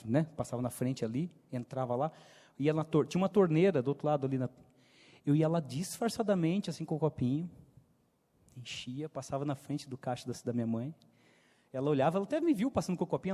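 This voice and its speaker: Man, brazilian youth preacher, fairly high voice, mellow tone, storytelling sermon, church hall echo. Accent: Brazilian Portuguese, São Paulo countryside. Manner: lively storyteller, voice swings loud and soft. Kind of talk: sermon told as a personal story.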